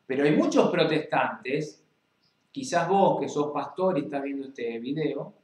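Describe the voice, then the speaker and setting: A man's voice: a little high, animated, a little slow, darkish tone. Rioplatense man preaching in an echoey room. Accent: Rioplatense Spanish. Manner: reads scripture then preaches directly to the listener. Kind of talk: Bible reading and preaching.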